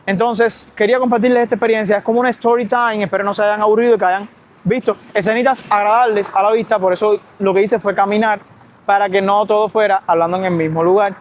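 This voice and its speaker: Young Cuban man, quick storyteller on a walk outdoors, high voice, slightly dull audio. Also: a little hiss or hum. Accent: Cuban Spanish. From Cuba. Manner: fast, lively storytelling. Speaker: doctor and vlogger. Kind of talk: storytime vlog. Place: outdoors by a street, walking.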